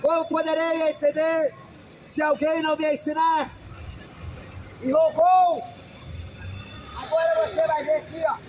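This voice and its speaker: A man's voice: very high voice, completely flat delivery, moderate pace, a little hiss or hum, poor audio. A man, a pastor, preaching a sermon emphatically and calling out questions to his listeners.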